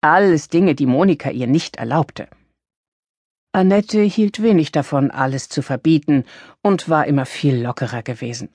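A woman narrating an audiobook in a clear, expressive reading voice. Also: deep voice, moderate pace, no room sound. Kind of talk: scripted narration.

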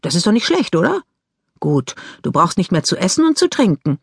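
A woman's voice: on the low side, very animated, fairly quick, slightly rough, no echo, clean studio sound, exaggerated voice. A woman voicing an emotional teenage girl in an audiobook, pleading and upset. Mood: distraught. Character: upset teenage girl, ballet dancer on crutches.

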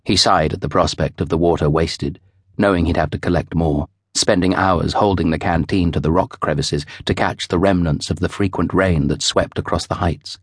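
A man giving measured, expressive scripted narration of a novel for an audiobook. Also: sits low, breathy edge, no echo, studio quality.

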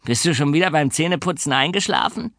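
A man's voice: a little high, quick pace, fairly bright tone, no room sound, clean studio sound, pitched above the performer's own voice. A man voicing a mean, sneering bully boy who taunts and hisses threats. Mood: taunting. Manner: taunting, hissing.

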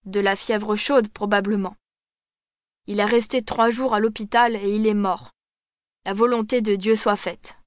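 A woman voicing a grieving old male cab driver in a storybook, with a hoarse voice. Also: medium pitch, fairly even intonation, unhurried, dry recording, clean studio sound, lightly acted.

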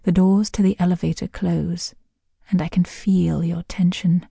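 Slow husky low-voiced woman, whispering. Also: level tone, dry recording, clean studio sound. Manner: slow, hushed, seductive delivery with whispered phrases. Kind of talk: scripted intimate second-person audio narration.

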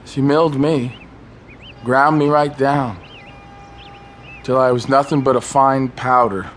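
A man's voice: medium pitch, steady tone, slow pace, a bit bright, slight background noise. A man reading a first-person story aloud as a rambling, wistful monologue, stumbling and restarting as he remembers. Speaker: audiobook narrator.

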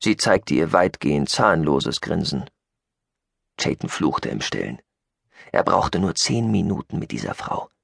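Guy narrating a sci-fi audiobook, lively expressive reading, dry close mic. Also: a bass voice, a little slow, creaky, breathy edge, no room sound.

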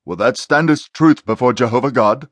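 A stern male exorcist barks forceful, insistent commands with full confidence, as an audiobook narrator plays him. His voice is pitched at a middling level. The sound is dry and close. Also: normal speed, no echo, lightly acted. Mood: commanding. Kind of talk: audiobook character voice.

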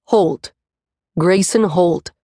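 A woman narrator voicing a gruff, possessive young man who growls his lines low and menacing, in an audiobook. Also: very slow, dark tone, no room sound, studio quality, exaggerated voice.

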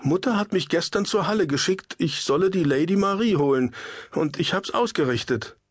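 A man's voice: high-pitched, expressive, moderate pace, husky, no echo, clean studio sound, voice pushed up. A man doing a shy little boy. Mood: timid. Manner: timid and hesitant. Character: shy little boy about eight, timid.

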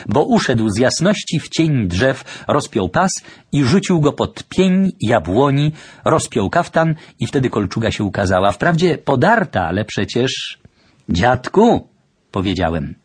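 A man narrating a historical novel as an audiobook in measured, old-fashioned storytelling. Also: medium pitch, very animated, husky. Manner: measured storytelling in archaic phrasing.

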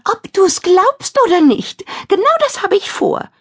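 A woman voicing a mocking, gleeful female witch who sneers at her rival in a high, shrill voice. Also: sing-song, unhurried, full character voice. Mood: gloating.

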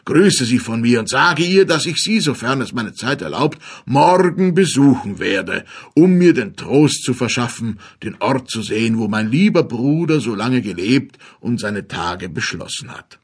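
A man's voice: medium pitch, expressive, a little slow, breathy edge. A man voicing a scheming sorcerer who fakes tearful grief and poses as a long-lost uncle, speaking in a theatrical, fawning way. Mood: tearful, coaxing.

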